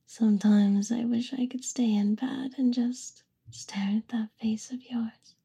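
A woman's voice: on the high side, steady tone, measured pace, warm tone, breathy edge. A young woman whispering an affectionate, soothing ASMR roleplay. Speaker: ASMR performer.

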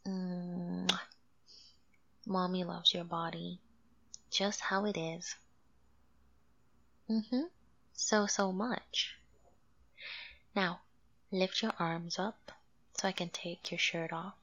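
Woman as a doting mother figure: low, gravelly, very slow and soothing. Slips into whispers. Dull lo-fi recording. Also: fairly even intonation, dry recording, heavily acted. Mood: coaxing. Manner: slow, soothing, coaxing with soft laughs. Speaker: audio roleplay performer. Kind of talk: soft-spoken audio roleplay, half whispered.

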